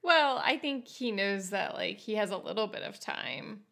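A woman's voice: mid-range voice, expressive, normal speed, gravelly, fairly bright tone. A woman co-hosting a casual movie podcast, chatty and opinionated, with lots of filler words. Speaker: podcast co-host.

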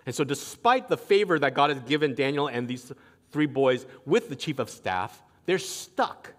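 A man preaching a sermon as pastor, telling stories in an animated way and acting out what others say. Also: medium pitch, normal speed. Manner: animated storytelling, acting out quotes. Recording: long reverb of a large hall.

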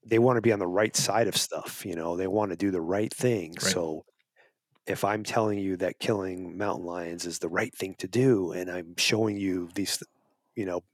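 Man with a lowish voice, a podcast guest making his case earnestly, restarting his phrases, recorded dry. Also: fairly even intonation, moderate pace, no echo. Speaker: wildlife advocacy guest. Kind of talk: casual interview talk.

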